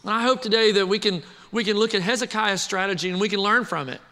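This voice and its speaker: A man preaching a sermon to a congregation, animated and conversational, often asking the crowd questions. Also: high voice, fast, long reverb tail. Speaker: pastor.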